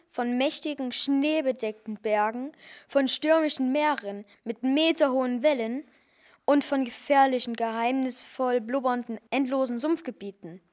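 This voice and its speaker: A woman's voice: high-pitched, darkish tone, close to an everyday voice. A woman voicing a kindly man who poses as a wizard in a children's audio story, explaining things patiently and chattily.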